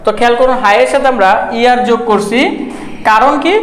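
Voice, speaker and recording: Methodical teacher in an echoey room. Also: male voice, very high-pitched, fairly bright tone, a little hiss or hum. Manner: methodical, repeats words slowly to count syllables. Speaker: English teacher. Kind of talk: whiteboard grammar lesson.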